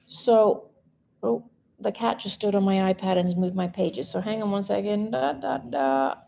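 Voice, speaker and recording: A mindset coach in her forties speaks frankly and casually to a live-stream audience from home, swearing occasionally. Her medium-pitched voice has a dark tone and vocal fry, her pace is moderate, and there's slight background noise.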